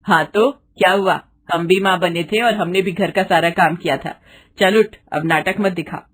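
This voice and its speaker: A cruel, bossy mother-in-law, put on by a woman narrator, barking orders and sneering in a husky voice. She turns sugary only to fool visitors, and the storybook delivery stays sharp and cold. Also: lowish voice, moderate pace. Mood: scolding. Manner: shouting, taunting, mock-sweet with guests. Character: harsh, scolding middle-aged mother-in-law.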